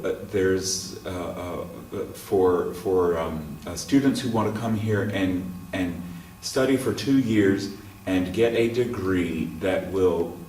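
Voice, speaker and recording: A man who teaches music at a college speaks in an interview, measured and pausing often with ums. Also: sits low, a little mellow, a little hiss or hum. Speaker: college music professor and choir director. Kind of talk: interview monologue. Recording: roomy sound from a distant mic.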